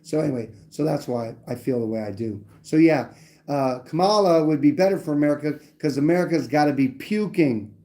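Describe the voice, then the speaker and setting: A man talks straight into his live stream, blunt and rambling, with some cursing. His voice is fairly high for a man but dark and mellow in tone. He sounds like a host riffing on politics off the cuff. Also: brisk. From New Hampshire. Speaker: livestream host. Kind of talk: casual political talk.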